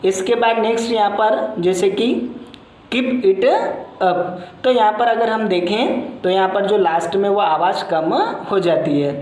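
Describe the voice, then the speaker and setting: A woman teacher explaining a lesson step by step and slowly repeating example sentences. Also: mid-range voice, fairly even intonation, a little mellow. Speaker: English teacher. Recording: echoey room.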